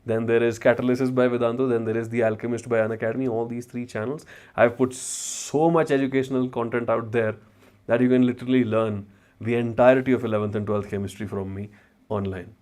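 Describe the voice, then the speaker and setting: A man with a north Indian accent, once a chemistry teacher and now a travel vlogger, answers viewer questions during a casual livestream, switching between English and Hindi slang. Using a wireless mic, he talks a little fast in a medium-pitched, slightly mellow voice with fairly even intonation.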